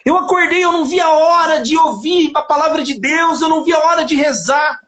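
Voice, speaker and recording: A man's voice: very high-pitched, fairly quick, fairly bright tone. A man giving a faith testimony as a guest in a live conversation, telling his story with animation, acting out the dialogue and laughing often.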